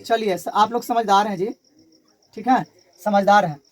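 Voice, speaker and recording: A man's voice: sits high, steady tone, normal speed. A male teacher with a Bihari Hindi accent giving a classroom physics lecture, repeating key terms and asking the class to call them back.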